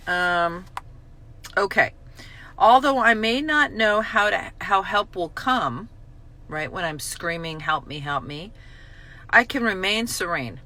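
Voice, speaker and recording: A middle-aged woman vlogging about recovery in a bright, lively voice that rises and falls a lot. She is blunt and self-mocking and swears freely. A faint hiss of noise sits behind her. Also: fairly low pitch. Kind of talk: candid spoken reflection on a daily reading.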